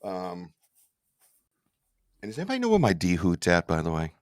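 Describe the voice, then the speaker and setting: A man hosting a casual live stream, chatty and excitable, laughing often and swearing casually. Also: low-pitched, moderate pace. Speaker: podcast host on a live stream.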